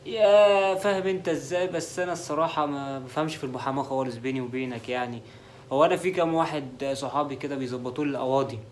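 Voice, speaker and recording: A man's voice: medium pitch, very fast, a little hiss or hum, lightly acted. An actor with an Egyptian accent playing a boastful, joking con-man lawyer in a comedy sketch. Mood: bragging. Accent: Egyptian Arabic. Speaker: con-artist lawyer named Adel.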